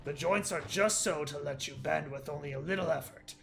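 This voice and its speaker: A man's voice: a little high, a little fast, gravelly, fairly bright tone, faint music behind. A man voicing an elderly male orc servant who is obsequious and whining, read from an in-game book. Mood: instructive.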